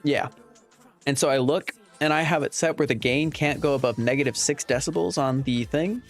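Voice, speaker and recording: Soft background music accompanies this male livestream host as he chats loosely and wanders from point to point in response to viewers. He talks at a normal speed in a mid-range voice, in a relaxed, conversational manner.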